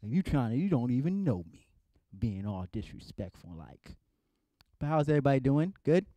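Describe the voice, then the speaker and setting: A man's voice: medium pitch, big pitch swings, normal speed, mellow, no echo. A young man from San Jose doing a stand-up set, playful and mock-indignant as he chats with the crowd. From San Jose, California. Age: young adult. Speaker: stand-up comedian.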